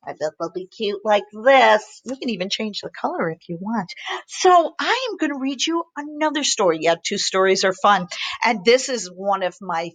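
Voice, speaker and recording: A woman teacher reading bedtime stories aloud to young children, animated and sing-song. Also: medium pitch, normal speed, dry recording.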